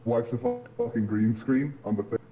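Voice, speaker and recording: A male podcast guest talking through a deep voice changer in casual, blunt chat, swearing constantly. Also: normal speed, poor audio. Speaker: guest streamer.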